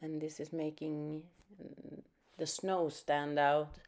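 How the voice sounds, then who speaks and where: A deep, flat female voice that takes its time belongs to an art teacher from Sweden. She gives a spontaneous watercolor lesson in English with a Swedish accent, speaking softly and thinking aloud with fillers as she works.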